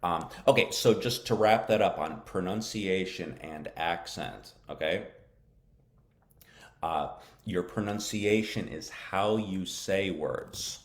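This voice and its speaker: A man with a deep, low voice teaches a lesson on a live stream. His delivery is casual, and he keeps checking understanding with "okay?" while sprinkling in Arabic words for his learners. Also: slow. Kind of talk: live-streamed English lesson with viewer questions.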